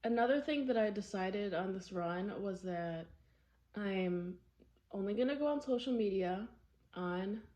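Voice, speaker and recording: A woman's voice: mid-range voice, unhurried, mellow, lo-fi sound. Candid, rambling woman vlogger. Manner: candid, rambling, with frequent repetition. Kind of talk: casual personal vlog.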